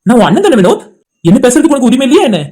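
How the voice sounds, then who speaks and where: A woman's voice: high voice, big pitch swings, very fast, dark tone. A woman voicing a kind, forgiving elder brother. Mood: affectionate. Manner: soothing, reassuring. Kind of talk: animated cartoon drama voice acting.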